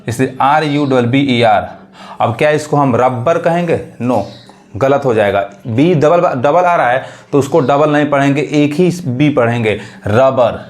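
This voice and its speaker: A man teaching English phonics to beginners in a Hindi accent, asking questions and repeating each word slowly. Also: mid-range voice.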